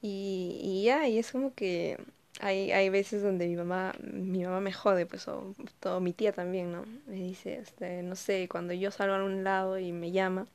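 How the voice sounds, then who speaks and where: A woman's voice: mid-range voice, fairly even intonation, unhurried, a little mellow, clean tone. An eighteen-year-old woman with a Peruvian accent telling family stories in a chatty, casual way, full of fillers. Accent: Peruvian Spanish. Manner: chatty, lots of fillers and laughing asides. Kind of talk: casual storytelling monologue.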